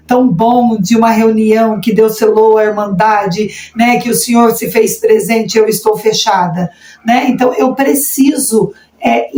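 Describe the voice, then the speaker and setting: A woman with a Brazilian Portuguese accent leads a church training lesson for sign language interpreters. Her voice sits fairly high and she acts out intonation as she teaches. The room around her is echoey. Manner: expressive, demonstrates intonation while teaching.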